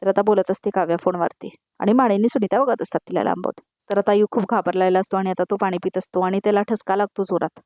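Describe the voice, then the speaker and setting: A woman's voice: mid-range voice, steady tone, fast talker, few pauses, a little mellow, no echo, studio quality. A woman narrating a television serial recap, addressing viewers. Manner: retelling with repeated tags, addressing viewers.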